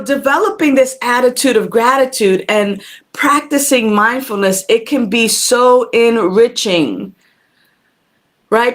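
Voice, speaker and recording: A woman's voice: on the high side, a bit bright. A woman minister hosting a live-streamed spiritual talk, greeting viewers by name and speaking in a conversational preaching manner that repeats phrases for emphasis. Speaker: minister and show host. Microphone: camera.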